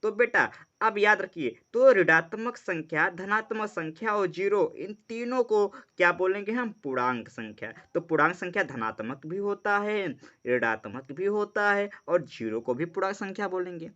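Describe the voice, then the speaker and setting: A male math teacher leads an exam-prep lesson in a drilling, repetitive way, calling his students "beta" and answering his own questions. His voice sits high and sounds bright and forceful. The recording is dull and lo-fi. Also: lively intonation, moderate pace, hardly any pauses.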